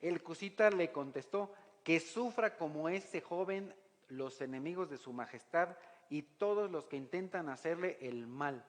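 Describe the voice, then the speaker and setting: A man's voice: a little high, expressive, a little slow. A man delivers a sermon in a slightly raised voice. He keeps putting rhetorical questions to the congregation and reads scripture aloud between his points. A long reverb trails his voice through the church hall. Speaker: pastor.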